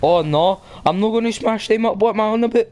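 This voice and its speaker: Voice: medium pitch, fast talker, a little mellow. A streamer with a Scottish accent, bantering casually over a game with cheeky, slangy teasing. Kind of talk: casual banter while gaming on a livestream.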